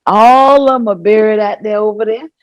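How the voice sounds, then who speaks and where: A woman with a mid-range voice performs a staged oral-history reading as an elderly Southern grandmother reminiscing with fondness and animation. The mood is fond and musing, the acting light and the recording dry, as she tells her memories in an unhurried, folksy, expressive way full of exclamations.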